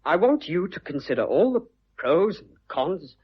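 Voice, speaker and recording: A man voicing an earnest young businessman, all bluster and awkward tenderness, his pitch leaping up and down as he talks. The voice is a little husky, and the radio play recording is dull and lo-fi. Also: big pitch swings, normal speed, heavily acted.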